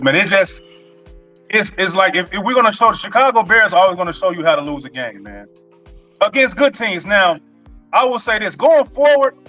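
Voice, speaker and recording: A podcast host with a high, bright voice talks through a tough loss in a casual, earnest way. He circles back on his points, and soft music plays in the background. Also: rough recording. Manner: earnest, repetitive, conversational. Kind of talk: casual sports podcast chat.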